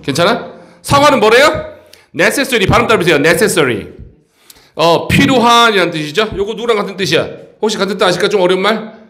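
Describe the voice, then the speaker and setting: A male English tutor giving an exam-prep grammar lesson in a high voice. His pitch swings widely as he talks, and he keeps checking in with the students. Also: lively intonation, fast, bright, forceful tone.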